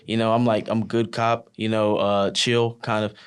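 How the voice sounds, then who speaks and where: A young man with a somewhat low voice talks casually about his team. His speech is loose and full of fillers. It brightens and livens up when he retells funny moments. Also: moderate pace, clean tone. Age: young adult. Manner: relaxed, many fillers like "you know", animated when telling stories. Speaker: college wrestler, team captain. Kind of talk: casual interview chat.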